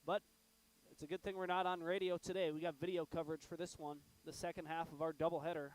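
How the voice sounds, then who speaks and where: A man with a sore throat announcing live from an arena broadcast booth, talking in a monotone. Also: on the high side, fast talker, poor audio. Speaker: play-by-play announcer.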